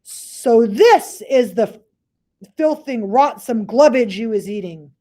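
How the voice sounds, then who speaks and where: A woman voicing a huge, greedy, man-eating male giant who blusters loudly in mangled grammar. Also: on the high side, lively intonation, takes it slowly, pitched above the performer's own voice. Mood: menacing.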